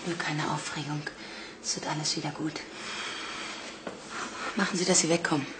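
An actress playing a hospital nurse who calms a patient and sends a visitor out firmly. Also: female voice, sits low, moderate pace, very noisy, natural voice. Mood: soothing. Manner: soothing but firm. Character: firm, soothing hospital nurse.

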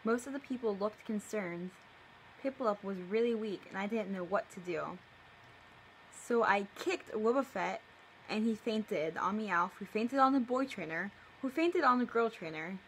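Here a young adult woman who makes videos reads her own story aloud at home in the living room, interrupting herself with playful, mock-outraged asides. She speaks at a medium pitch, a little slowly, in a fairly bright tone; the low-quality recording has slight background noise.

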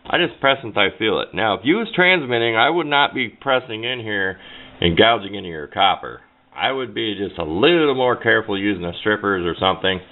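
A DIY radio hobbyist, folksy and plain-spoken, gives a casual hands-on tutorial at his workbench. His voice is on the low side, expressive and fairly quick. A camera microphone captures him with muffled, phone-like audio and background noise.

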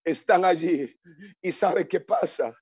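A man preaching a fervent, pleading sermon as pastor, with a husky voice. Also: high-pitched, slow, a little mellow, dry recording. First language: Portuguese influence, missionary in Brazil. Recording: dull lo-fi sound.

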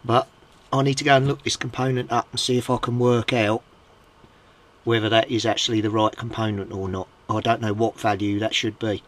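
A British man with a fairly low, level-toned voice talks briskly while working with his hands at a home workbench indoors. As a hobbyist, he thinks aloud and explains his repair progress in a casual, informal vlog while handling equipment.

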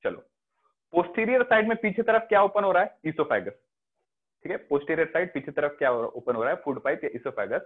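A man's voice: a little high, very animated, fairly quick. Indian man teaching biology over a call. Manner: mixes Hindi and English, asks students checking questions. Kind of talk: online class lecture. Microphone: video call. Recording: phone-like online class audio.

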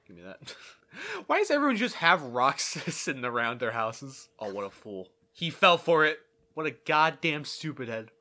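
A man's voice: on the high side, big pitch swings, moderate pace, sharp tone. A man hosting a gameplay video with joking, sarcastic commentary, mock exasperation and exaggerated, overacted exclamations.

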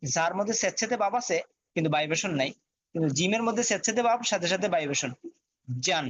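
A man teaching a Quran reading lesson, slowly reciting and spelling Arabic letters aloud in a drilled rhythm. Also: high voice, expressive, a bit bright, a little hiss or hum.

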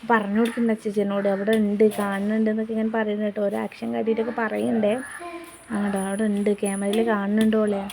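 A woman's voice: medium pitch, flat delivery, very fast, gravelly, background noise. A young woman, chatting homely voice-over narration for her family vlog and addressing viewers directly. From Kerala, India. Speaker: family vlogger.

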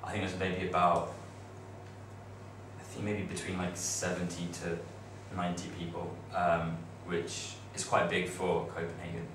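Speaking low, a little slowly and with a totally flat delivery, this young adult student sits on a study-abroad panel and talks casually to other students, stumbling through fillers and false starts. The classroom has a projector screen, and the distant camera mic captures plenty of echo and noise.

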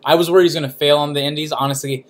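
A man's voice: on the high side, fairly even intonation, rapid-fire. A man co-hosting a podcast in casual chat, rambling and swearing, restarting often. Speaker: podcast co-host.

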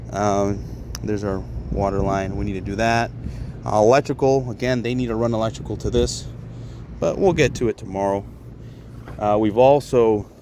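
Recorded handheld outside with ambient noise, a tradesman shows off an HVAC job on a commercial rooftop, explaining it in a casual, plain-spoken manner. His voice is medium-pitched with a darkish tone.

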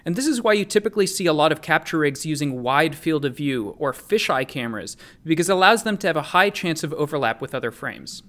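A man's voice: fairly high pitch, lively intonation, fast, hardly any pauses, fairly bright tone. A young man presenting his research paper in a recorded conference talk, explaining step by step and answering his own questions.

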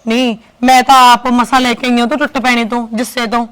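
A woman's voice: on the high side, little pitch movement, fast, fairly bright tone, smooth, close to an everyday voice. A woman playing a gossipy daughter-in-law who talks a neighbour round. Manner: persuasive, chatty, gossiping about her mother-in-law. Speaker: daughter-in-law in a comedy sketch. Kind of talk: comic village drama.

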